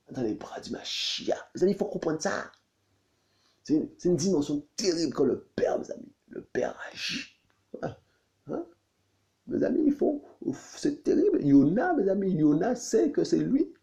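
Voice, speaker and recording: A gravelly, mellow-voiced man preaches repetitively and insistently, constantly calling out "my friends" and asking "you see?" to check his listeners follow. His pitch leaps high on questions. The recording is dull and lo-fi.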